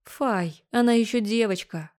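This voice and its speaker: A woman's voice: fairly high pitch, unhurried, darkish tone, pitched above the performer's own voice, lightly acted. A woman voicing an exasperated, defensive middle-aged mother in an audiobook.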